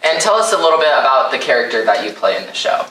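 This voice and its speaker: A young man hosting a casual interview show, upbeat and chatty, quick to laugh. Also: fairly high pitch, very animated, sharp tone, a little hiss or hum. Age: young adult. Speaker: talk show host. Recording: echoey room, mic at a distance.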